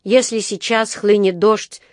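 Woman doing a calm, sensible father. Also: medium pitch, measured pace, no room sound, clean studio sound, natural voice.

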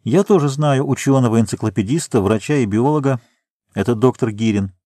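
A man reading aloud, voicing a calm, learned middle-aged geologist who explains things in a measured way. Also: medium pitch, no room sound, studio quality, close to an everyday voice.

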